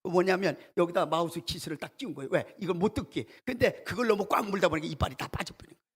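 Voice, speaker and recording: A male pastor with a high-pitched, husky voice preaches a Sunday sermon in a church sanctuary, talking quickly. He tells a story and acts out the prayers quoted in it, his intensity rising as he goes.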